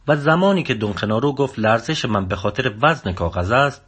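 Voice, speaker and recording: A man reading a first-person story aloud as an audiobook narrator, in calm, measured scripted narration. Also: mid-range voice, slightly rough.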